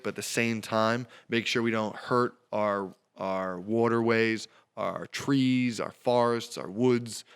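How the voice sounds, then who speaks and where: A man's voice: medium pitch, a bit bright, clean tone. A man hosting his podcast, delivering a punchy, emphatic political monologue with repeated phrases. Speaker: podcast host.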